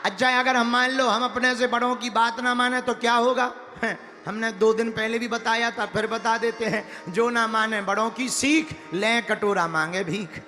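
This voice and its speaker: High-voiced preacher in an echoing hall. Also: male voice, fairly even intonation, moderate pace, bright, forceful tone, soft background music. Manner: folksy, teasing, sing-song verses. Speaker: religious preacher. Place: large hall with an audience.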